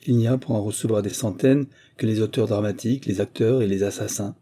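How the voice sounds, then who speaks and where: A man narrating a literary audiobook in a measured, even reading. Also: on the low side.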